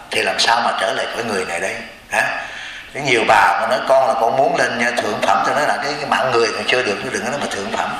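A man, a Buddhist teacher preaching a sermon and keeps asking his listeners rhetorical questions. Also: medium pitch. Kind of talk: sermon to a congregation. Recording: echoey hall with long reverb.

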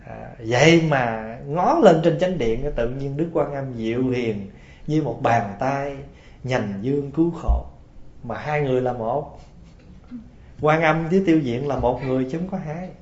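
In a roomy, muffled lo-fi recording, a Buddhist preacher tells stories during his sermon, talking a little slowly in a medium, slightly mellow voice. His manner is folksy, and he keeps asking his audience questions.

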